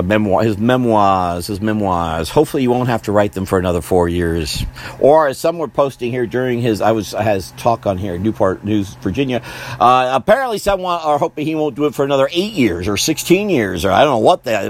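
A man hosting a podcast, rambling through casual political commentary with jokes and frequent chuckles. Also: medium pitch. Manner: rambling, joking, chuckling often. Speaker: podcast host.

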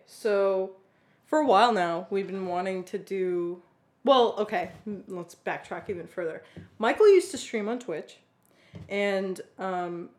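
A young adult woman co-hosting a casual podcast, talking in a playful, giggly way. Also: mid-range voice. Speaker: podcast co-host. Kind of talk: casual chat.

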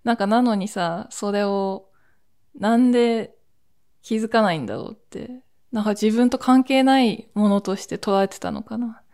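A woman's voice: medium pitch, a little mellow. Podcast host in her 40s, from Akita: a woman with a chatty, meandering solo storytelling style. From Akita, Japan. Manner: chatty, drawn-out storytelling with laughs and asides.

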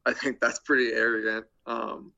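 A young man as a podcast guest, deadpan with crude jokes and hesitant with many ums. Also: medium pitch, normal speed, creaky, highs cut off. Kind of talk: casual interview chat.

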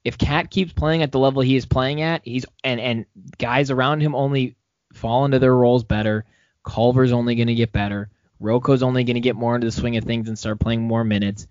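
A man's voice: medium pitch, steady tone, a little fast, darkish tone, no echo. Male podcast co-host, optimistic sports talk, dry dull lo-fi sound. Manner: rambling, many restarts, upbeat. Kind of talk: casual sports chat.

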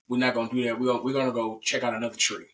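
A man's voice: mid-range voice, little pitch movement, rapid-fire, a bit bright, recorded from a distance, close to an everyday voice. A man voicing Adam as a young man who talks in casual slang and gets defensive and panicky. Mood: pleading.

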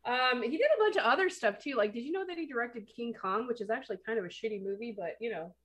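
A woman co-hosts a casual movie podcast in a slightly high voice. She answers teasingly, drops sarcastic asides and laughs easily. Her talk is loose and chatty. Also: expressive, fast talker, fairly bright tone. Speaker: podcast co-host.

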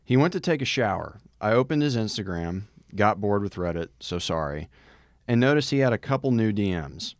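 Low-voiced man reading a story aloud. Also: expressive, normal speed, dry recording. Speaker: podcast co-host.

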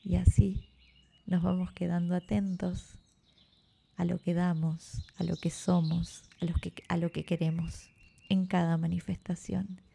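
A woman guiding a yoga nidra meditation and reading stories in a slow, soothing way. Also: fairly low pitch, little pitch movement, vocal fry, warm tone, slightly rough. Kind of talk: guided meditation with story reading.

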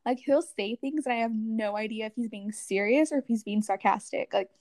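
Chatty young woman, higher voice. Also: brisk, no echo. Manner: chatty, lots of "like", animated. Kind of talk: casual chat.

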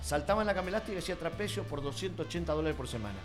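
A middle-aged man with an Argentine accent, a circus performer telling his story as a radio guest, lively and acting out the lines he quotes. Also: a little high, racing, over music. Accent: Argentine Spanish. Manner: animated storyteller, acts out quotes.

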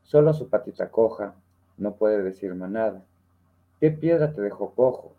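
Man reciting poetry over a dull video call; low-pitched, thoughtful. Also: expressive, moderate pace. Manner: reflective, uses many fillers and tag questions. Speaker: participant reading a poem. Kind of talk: casual literary discussion and poem recital.

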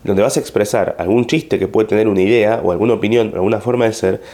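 A man's voice: lowish voice, fast. A man with an Argentine accent, a comedian telling a story to camera in a casual, rambling way with plenty of fillers. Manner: rambling, animated retelling with frequent fillers.

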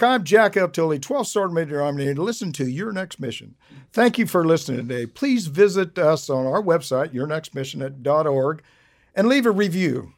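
An older American man with a gravelly voice hosting a podcast, with hearty, punchy military-style emphasis. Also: fairly high pitch, dry recording, clean studio sound. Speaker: podcast host, retired Army sergeant major. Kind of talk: podcast hosting with personal anecdotes.

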